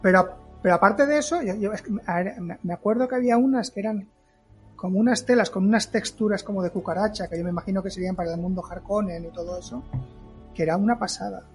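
Man, casual guest, halting repetitive explanations, faint music behind. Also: sits high, a little mellow. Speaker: podcast guest, film costume maker. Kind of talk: casual interview chat.

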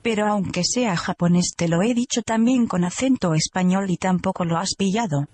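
Breathy synthetic female voice. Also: mid-range voice, moderate pace. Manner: flat, clipped, robotic delivery. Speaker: text-to-speech voice for a caller. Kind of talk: synthetic speech reading typed lines.

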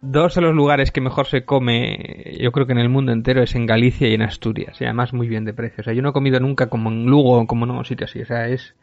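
A man's voice: medium pitch, level tone, quick pace, few pauses, darkish tone, dry recording. A man from Spain hosting a podcast, chatting in a rambling, self-deprecating way with lots of fillers. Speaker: podcast host. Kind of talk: casual chat. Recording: dry, dull lo-fi audio.

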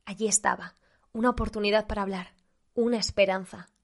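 A woman narrating a story in a measured reading voice. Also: medium pitch, steady tone.

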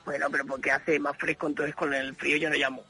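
Gravelly hoarse man calling in. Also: on the high side, flat delivery, fast, pushed and bright, faint music behind. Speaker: caller. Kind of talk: casual phone-in chat.

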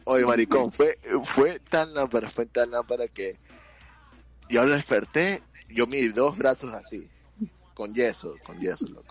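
A young man telling a story to friends in casual chat, animated and slangy, acting out sounds. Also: medium pitch, a little slow, soft background music.

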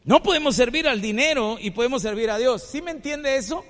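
High, bright-voiced preacher in a reverberant hall. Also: male voice, a little fast. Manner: animated storytelling, asks rhetorical questions. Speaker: pastor. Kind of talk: sermon.

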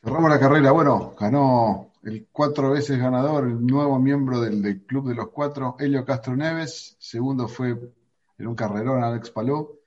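A man's voice: mid-range voice, normal speed, a little mellow, muffled recording. A man co-hosting a racing show, running through the results with wry, opinionated asides. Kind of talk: race results rundown.

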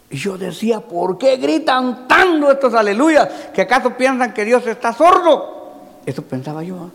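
A man preaching a sermon in a church hall, swinging from loud shouting to quiet asides, calling his listeners "brother" with folksy humor. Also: sits high. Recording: long hall reverb, faint crowd.

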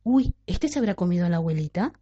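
A woman's voice: on the low side, big pitch swings, fast talker, dark tone. A woman voicing a curious, bold male hunter in a children's story. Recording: dull lo-fi recording.

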